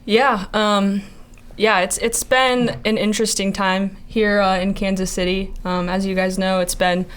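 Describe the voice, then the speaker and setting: A ministry intern in her early twenties from Montana, USA, shares her faith testimony in casual conversation, hesitating and using many fillers. Her voice is mid-range, level, clear and resonant, with a measured pace.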